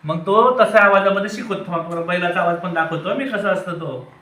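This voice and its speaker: A man's voice: high-pitched, fast talker, noisy background. A man teaching a classroom of children, asking them questions and prompting answers. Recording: very echoey room, voice from far off.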